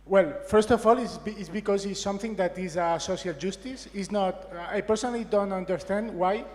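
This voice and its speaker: A man giving a corporate talk on a conference stage, halting, with many restarts and fillers. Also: sits high, a little mellow, big-room sound. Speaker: corporate speaker.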